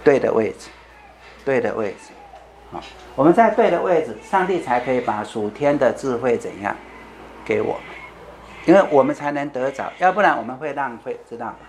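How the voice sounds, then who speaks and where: A man's voice: mid-range voice, expressive, brisk, a little hiss or hum. A man giving a conversational sermon. He asks the congregation questions, answers them himself, repeats key phrases and keeps adding "you know?". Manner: tags lines with "you know?". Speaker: preacher.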